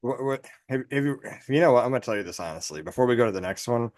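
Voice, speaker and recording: A man's voice: medium pitch, expressive, racing, darkish tone, dry recording, studio quality. A man co-hosting a podcast in a casual chat, rambling, swearing and laughing at his own jokes. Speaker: podcast co-host.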